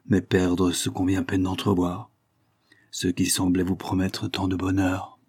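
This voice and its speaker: Man voicing a dying young soldier, mournful, dark breathy voice, dry recording. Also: deep voice, monotone, unhurried, no echo, full character voice.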